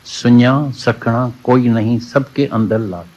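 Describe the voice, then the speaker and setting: A spiritual teacher delivers a Hindi satsang sermon built around a parable, repeating key words and quoting scripture lines. His mid-range voice is steady, slow and a little mellow, and the audio is dull and lo-fi.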